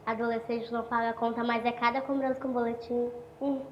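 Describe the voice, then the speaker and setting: An exasperated teenage girl played by a woman grumbles through a short monologue, her voice sitting fairly high. Faint room ambience hangs behind her. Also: flat delivery, fairly quick, lo-fi sound, a little hiss or hum, natural voice. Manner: exasperated, chatty monologue with quoted mother. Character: teenage girl complaining about her strict mother. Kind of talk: short acted monologue video.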